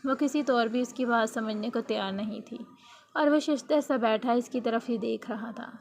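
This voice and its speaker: A woman reads a romance novel aloud with a steady storytelling delivery. Her voice sits a little high for a woman. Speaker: novel narrator.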